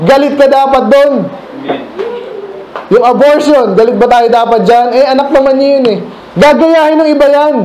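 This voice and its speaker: A man's voice: high voice, dark tone, reverberant, slight background noise, poor audio. A Filipino man preaching a midweek Bible study sermon, talking conversationally and asking the congregation questions. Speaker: pastor. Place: church room.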